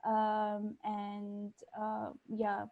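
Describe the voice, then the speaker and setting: A woman's voice: mid-range voice, completely flat delivery, very slow, narrow, tinny audio. A woman from Armenia speaking as a panelist, explaining things carefully and searching for words. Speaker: panelist, conflict-transformation worker. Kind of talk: panel discussion.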